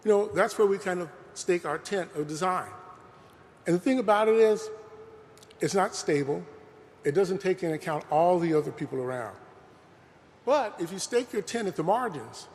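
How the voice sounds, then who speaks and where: In a large museum hall with lingering reverb, a male lecturer delivers an earnest, conversational talk. His voice is high and slightly mellow, animated, at an ordinary pace. "You know" crops up often.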